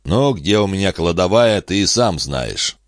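A man reading a grave, gruff older farmer in an audiobook, terse and stern. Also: deep voice, expressive, unhurried, no room sound, clean studio sound, pitched above the performer's own voice.

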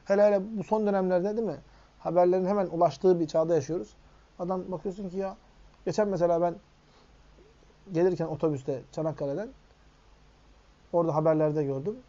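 High-voiced man teaching hadith, lo-fi. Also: warm tone. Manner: asks the audience rhetorical questions. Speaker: religious teacher. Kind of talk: hadith commentary lesson. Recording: dull lo-fi recording.

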